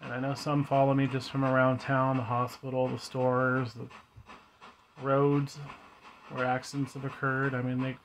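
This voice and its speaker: A man's voice: mid-range voice, monotone, normal speed, poor audio. Man casually musing and questioning spirits. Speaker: paranormal investigator hosting a spirit box session. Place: at home.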